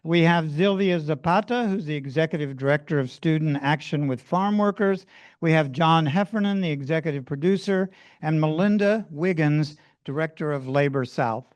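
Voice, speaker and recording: A man's voice: a little high, no room sound. A man introducing a film screening and panel at a public library event, speaking earnestly and thanking many helpers. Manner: measured, earnest speech with long lists of thanks.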